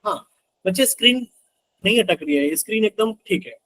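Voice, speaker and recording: High-voiced man teaching math online. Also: lively intonation, a little fast, fairly bright tone, poor audio. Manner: explains step by step, keeps asking students if it is clear. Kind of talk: live online math class.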